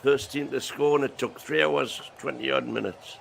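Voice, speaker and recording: A man's voice: mid-range voice, steady tone, moderate pace, vocal fry, fairly bright tone, a little hiss or hum. A man co-hosting a casual match watch-along, tired after a long night of drinking, joking and chatting with a few stumbles.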